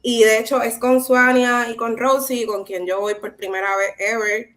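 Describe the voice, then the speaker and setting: A visual artist with a Puerto Rican Caribbean Spanish accent speaks as a guest in a conversational artist talk. She is reflective, often checking in with little tag questions. Her voice is a little high and fairly bright, with a flat delivery at a moderate pace.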